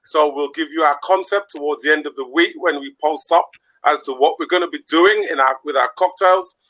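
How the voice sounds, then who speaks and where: A man's voice: a little high, a little fast, pushed and bright, low-quality recording. A man from the Caribbean hosting an online show in a chatty, rambling way, laughing often, speaking over a video call. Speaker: podcast host. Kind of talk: casual online show chat.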